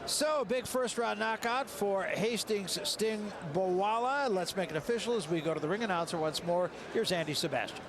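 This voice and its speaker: A man's voice: sits high, normal speed, hardly any pauses, crowd noise. A man giving live play-by-play commentary on a boxing match. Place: ringside at a boxing event. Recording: broadcast commentary over loud arena noise.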